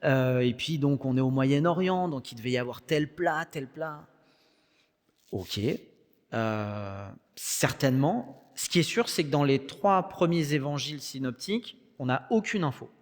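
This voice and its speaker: A young man with a French accent and a medium-pitched, expressive voice preaches at a measured pace. His sermon is conversational, sprinkled with joking asides, and it's recorded in a church hall with long reverb.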